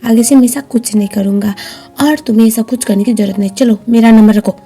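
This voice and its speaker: A woman's voice: a little high, fairly even intonation, fast, mellow, husky. A woman voicing a stern young male CEO who scolds and lectures.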